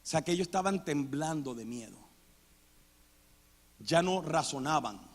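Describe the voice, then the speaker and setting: High-voiced pastor preaching. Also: male voice, expressive, unhurried. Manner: preaching with sudden loud dramatic outbursts. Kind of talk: sermon. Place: church sanctuary. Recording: long church hall reverb.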